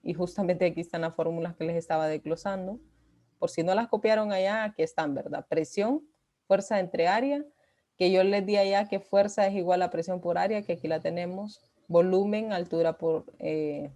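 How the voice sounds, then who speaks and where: A woman physics teacher talks a class through a lesson. Her voice sits a little low and sounds dark and mellow. She pauses on "eh" fillers and keeps checking in with "¿verdad?". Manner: explanatory, frequent "eh" fillers and "¿verdad?" tags. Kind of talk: recorded online class lecture.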